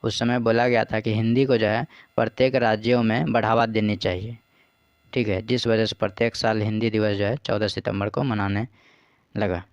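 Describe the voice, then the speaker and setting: A man's voice: fairly low pitch, little pitch movement, moderate pace, smooth, no echo, dull audio. A man patiently explaining practice exam questions as a teacher. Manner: patient, repeats "ठीक है" and "देखिए".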